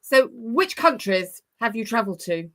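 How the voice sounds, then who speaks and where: A woman's voice: on the high side, sing-song, normal speed, low-quality recording. A woman hosting a live-streamed interview, reacting enthusiastically and praising her guests' answers. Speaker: host.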